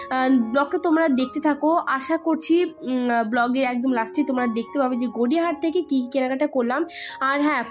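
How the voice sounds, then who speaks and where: A woman's voice: sits high, a bit bright. A woman in her thirties with a Kolkata Bengali accent and a cough, chatting to viewers at home in a rambling shopping haul vlog. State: has a cough. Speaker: lifestyle vlogger. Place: home room indoors. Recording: echoey room at home.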